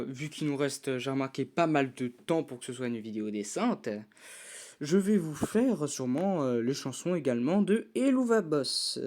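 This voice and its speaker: A man's voice: a little high, a little mellow. A man giving casual tier-list commentary on songs, hesitant with many restarts, with bursts of enthusiastic verdicts. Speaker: youtuber ranking songs.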